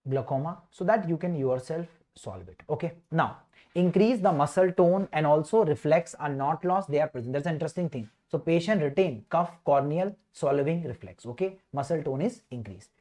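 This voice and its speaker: Running a medical exam revision session, this North Indian-accented man repeats key terms like a chant, quizzes his students, and slips Hindi phrases into English. He speaks at a normal pace in a fairly high, expressive voice with a dark tone.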